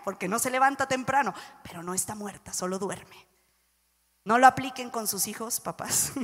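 A high-pitched woman preaches to a congregation in a lively, playful way, acting out scenes from the Bible. Her voice carries a long reverb from a large church hall. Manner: animated, playful, acts out Bible scenes and jokes with the audience. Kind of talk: sermon.

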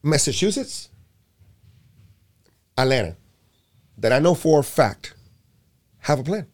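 A Puerto Rican man who runs a youth basketball program talks in a casual conversation, animated and emphatic, with frequent repeated words. His voice is on the high side and his pace is slow.

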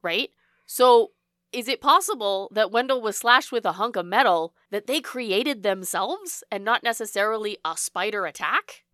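Bright, jokey woman co-hosting a podcast. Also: mid-range voice, animated, moderate pace, no room sound, studio quality. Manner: jokey, colloquial, acts out sound effects. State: getting over a cold. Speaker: podcast co-host. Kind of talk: casual book recap chat.

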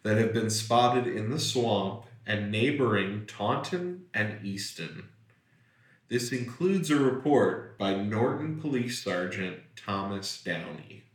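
A man's voice: on the low side, expressive, slow, reverberant, recorded from a distance. A man co-hosting a casual chat, joking and laughing often as he shares notes on local lore. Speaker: podcast co-host.

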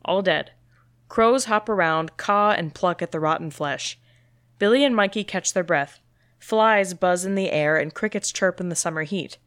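A woman reading the stage directions of a screenplay, steady and matter-of-fact. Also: lowish voice, normal speed, clean tone, no echo, clean studio sound. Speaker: script reader.

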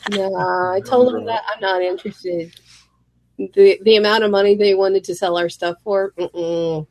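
A woman who runs a small business shipping orders chats casually as a podcast guest, animatedly telling stories and acting out exchanges. She is sick, which makes her mid-range voice deeper and more gravelly than usual. She speaks at a measured pace, and the audio is poor with no echo.

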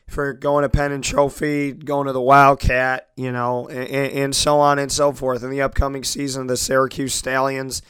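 In studio-quality audio with no room sound, a sports talk radio host with a clear, resonant, mid-range voice delivers a solo internet radio monologue on his own show. He is losing his voice, and he speaks earnestly and gratefully, restarting often.

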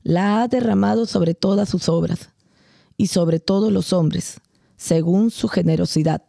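Gravelly low woman reading scripture. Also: mellow, dry recording, studio quality. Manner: measured, phrase-by-phrase reading. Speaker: scripture reader and co-host. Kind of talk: solemn scripture reading, then chat.

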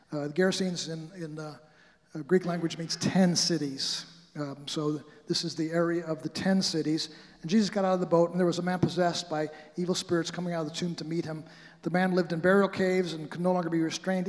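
A man's voice: high voice, long reverb tail. A man from the American Midwest preaching a sermon in a casual, conversational way, often stumbling and restarting his sentences. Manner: conversational, halting, frequent restarts.

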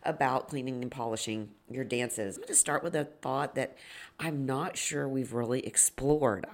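A woman with a gravelly, slightly sniffly, hoarse voice, hosting a solo podcast and explaining things reflectively as an educator. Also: rumbling low. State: hoarse and slightly sniffly after a long day of judging. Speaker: podcast host and dance educator. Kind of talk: solo podcast talk, informal teaching.

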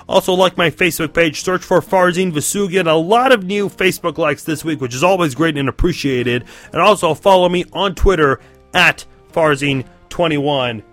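An American man hosts a sports podcast in a rough, strained, hoarse voice. It sits a little high and has a bright, forceful edge as he breaks down football matchups. Music plays behind him. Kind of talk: solo football analysis commentary.

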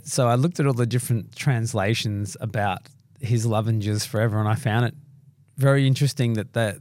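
A man co-hosting a podcast, chatting in a relaxed, agreeable way and reading out verses. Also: mid-range voice, no room sound. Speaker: podcast co-host. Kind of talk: casual Bible discussion.

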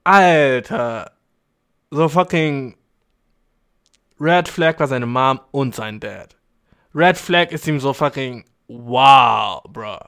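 A man's voice: very slow, vocal fry, long pauses, smooth. A man hosting a podcast, reading out and reacting to listener mail in casual, slangy chat full of English words and swearing. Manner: animated, jumps into high exclamations.

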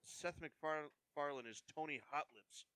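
A man's voice: on the high side, unhurried, a bit bright, a little hiss or hum. A man chatting casually with friends, rambling and hesitant with lots of fillers, amused. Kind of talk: casual chat.

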